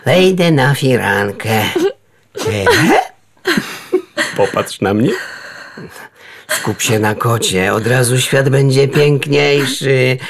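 A man voicing a vain, lofty old male house cat who talks in a mock-philosophical way, with a gravelly, husky voice. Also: medium pitch, expressive, slow, long pauses. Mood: coaxing.

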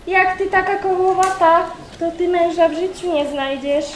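A woman's voice: very high voice, normal speed, slight background noise. A woman playing a bossy, gossipy village aunt. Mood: scolding. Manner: scolding, folksy rural village speech. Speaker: stage actor in a school theatre group. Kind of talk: amateur folk stage play. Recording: roomy hall with faint ambience.

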